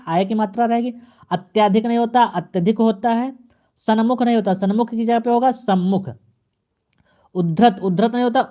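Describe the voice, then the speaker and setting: Male teacher drilling spelling corrections. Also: very high-pitched. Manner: repeats each correction in a steady drilling pattern; speaks straight to the viewer. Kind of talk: exam-prep grammar lesson.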